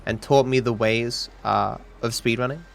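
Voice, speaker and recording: A man's voice: mid-range voice, fairly even intonation, normal speed, creaky. Cultivated, British-leaning Australian man streaming. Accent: cultivated Australian, close to British. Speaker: livestream host, speedrunner. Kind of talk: casual chat while gaming. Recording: music behind the voice. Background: music.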